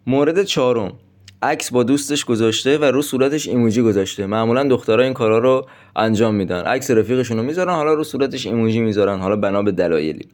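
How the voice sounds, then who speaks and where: This man has a medium-pitched, slightly mellow voice. He coaches listeners on dating in an instructional monologue, working through numbered tips in a direct, chatty way and calling them friends.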